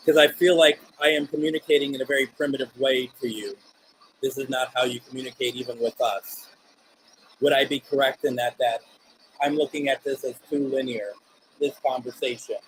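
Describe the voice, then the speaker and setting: A man hosting a live paranormal session, speaking earnestly and haltingly, with frequent restarts. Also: mid-range voice, fairly even intonation, a little hiss or hum, poor audio. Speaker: host.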